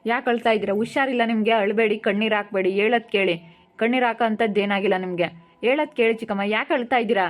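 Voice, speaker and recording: A woman playing a caring young niece who soothes in a rapid, firm way, in an amateur family drama. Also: on the high side, natural voice. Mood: soothing. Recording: dull lo-fi home recording.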